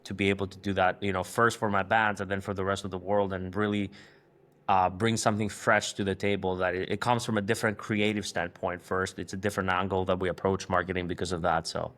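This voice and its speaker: A man's voice: deep voice, flat delivery, fast talker, fairly bright tone. A man from Greece, a marketing agency co-founder speaking in a podcast interview, hesitant, with frequent fillers and restarts.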